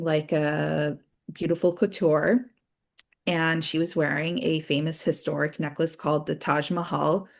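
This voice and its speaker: A woman with a low voice and plenty of vocal fry gives casual commentary as a podcast co-host. She takes her time, explaining things in a halting way with lots of fillers and pauses. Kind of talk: casual talk, commentary on culture news.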